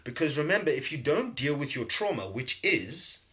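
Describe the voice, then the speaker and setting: Lively man teaching. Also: on the high side, moderate pace. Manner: animated, repeats words, laughs often. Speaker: spiritual teacher streaming live. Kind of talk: casual livestream teaching. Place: home livestream setup.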